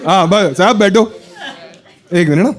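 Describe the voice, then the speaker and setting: A man's voice: sits high, moderate pace. A male stand-up comedian doing playful, teasing crowd work on stage with a handheld mic. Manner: teasing, playful, chatty with audience. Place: live comedy show with audience. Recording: live show with loud crowd laughter.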